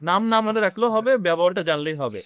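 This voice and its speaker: A man's voice: high-pitched, a bit bright, clear, resonant tone, no room sound, clean studio sound. A man teaching a beginners' French class, explaining step by step and quizzing his students. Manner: explains slowly, quizzes the class, mixes in English words. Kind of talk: classroom lesson.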